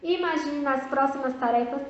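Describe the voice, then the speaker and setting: A woman teaching a video lesson for young children, modeling words slowly and drawing out each one with sing-song prompts. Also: sits high. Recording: echoey, dull lo-fi room sound.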